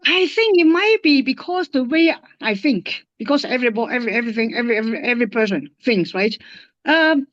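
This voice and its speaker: A woman from Hong Kong with a Hong Kong English accent, a guest linguist in a casual interview, speaking haltingly with many fillers and restarts. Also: fairly high pitch, animated, a bit bright, dry recording, lo-fi sound.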